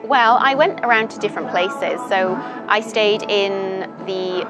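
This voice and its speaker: On a low-quality recording with music underneath, a young woman from Britain speaks a little slowly in a mid-range voice. She's a thoughtful guest in a casual interview chat, leaning on many "um" and "you know" fillers.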